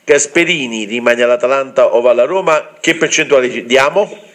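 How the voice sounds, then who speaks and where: A man's voice: medium pitch, brisk, fairly bright tone. A man hosting a sports radio interview, conversational and pointed, asking teasing questions.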